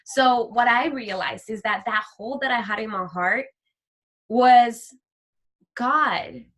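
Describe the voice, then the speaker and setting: A woman speaks as an interview guest, sharing a heartfelt personal faith story. She is animated and slips into the voices of people she quotes. Her voice is bright and sits a little high. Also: takes it slowly. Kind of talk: heartfelt faith testimony in conversation.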